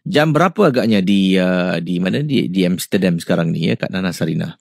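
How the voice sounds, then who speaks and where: A man hosting a radio show, reading out listener ghost stories in an animated, suspenseful way. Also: a little fast, gravelly, no room sound, studio quality. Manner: animated, with sudden rises in pitch and loudness for suspense.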